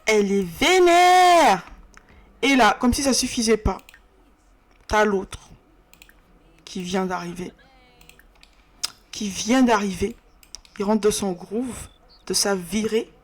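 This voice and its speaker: A woman's voice: medium pitch, takes it slowly, pauses often, husky. Chatty woman narrating a game. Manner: slangy, chatty, many fillers. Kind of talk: casual let's-play narration.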